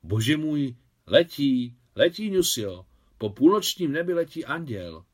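A man's voice: medium pitch, lightly acted. A man reading the lines of an older émigré woman in an audiobook, his voice lifted and exclamatory. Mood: awed.

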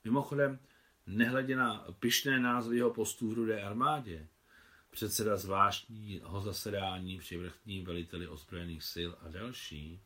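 Low-voiced man, calm author reading of a novel. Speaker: translator reading his own translation.

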